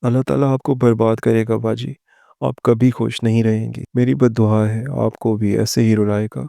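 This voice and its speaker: Man reading as a soft-spoken pleading young wife. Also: medium pitch, flat delivery, creaky, dry recording, clean studio sound, close to an everyday voice. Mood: bitter.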